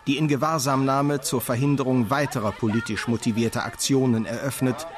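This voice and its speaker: A man's voice: mid-range voice, steady tone, a little fast. Man reading an official report. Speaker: reader of a police report. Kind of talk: reading an official document aloud.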